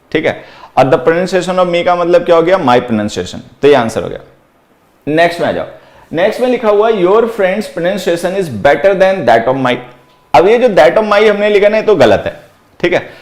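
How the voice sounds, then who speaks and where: Man teaching grammar, slightly high voice. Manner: explains step by step, repeating key phrases; slows right down to dictate example sentences. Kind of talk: exam-prep grammar lesson.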